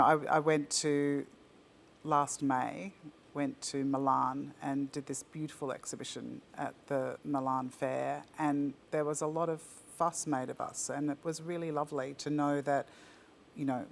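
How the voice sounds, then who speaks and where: An Australian woman who founded a ceramics company chats enthusiastically in a casual interview, often restarting her sentences. Her voice is rumbling low and creaky. The virtual talk carries a little hiss or hum and faint room ambience.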